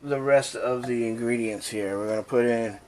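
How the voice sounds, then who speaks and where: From his home kitchen, a man hosting a casual cooking channel rambles and cracks jokes while adding ingredients one step at a time. He speaks at a moderate pace in a mid-range, slightly mellow voice.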